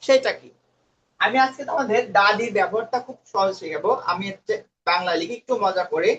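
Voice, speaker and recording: A man's voice: high voice, a little fast, fairly bright tone. A man teaching an English lesson, quizzing his students and mixing English words into his talk. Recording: dull lo-fi recording.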